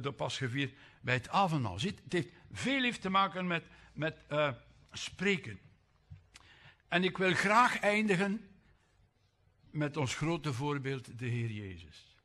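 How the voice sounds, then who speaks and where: A man's voice: fairly high pitch, a bit bright. A man preaching a sermon, reading scripture with emphasis and breaking off for chatty asides and tag questions.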